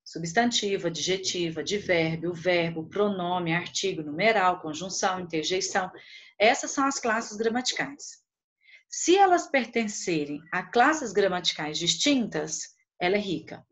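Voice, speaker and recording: A woman teacher giving a poetry lesson, counting out the syllables of each verse slowly and one by one. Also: lowish voice, lively intonation, a bit bright. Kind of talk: online class on poetry. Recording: dull lo-fi recording.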